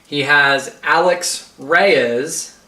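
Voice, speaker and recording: A man's voice: a little high, extremely slow, bright, forceful tone, recorded from a distance. Dry teasing man, off-mic in echo. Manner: dry, teasing, lays out details step by step. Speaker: podcast co-host. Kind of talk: casual fantasy sports chat.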